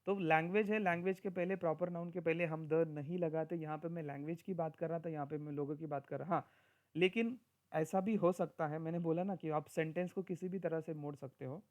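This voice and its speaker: A man teaching grammar in a recorded lecture, explaining step by step, speaking example sentences slowly and often checking in with his listeners. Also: a little high, fairly even intonation, darkish tone. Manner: mixes Hindi and Marathi with English.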